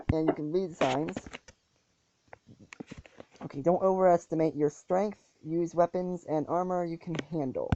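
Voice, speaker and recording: A woman hosting a casual gameplay walkthrough, talking hesitantly with many ums and restarts. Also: low voice. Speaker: gaming channel host. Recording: dull lo-fi audio with loud noise.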